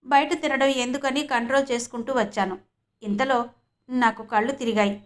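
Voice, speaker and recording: A woman voicing a patient young husband who explains things calmly and reassures, in an audiobook reading. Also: high voice, moderate pace, natural voice. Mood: explaining. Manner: calm, reassuring.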